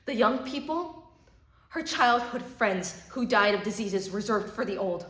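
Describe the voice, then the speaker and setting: A woman performing a theatrical monologue as a tragic, bitter and sorrowful woman haunted by hardship, speaking deliberately with pauses. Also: mid-range voice, fairly bright tone, lightly acted. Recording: echoey room.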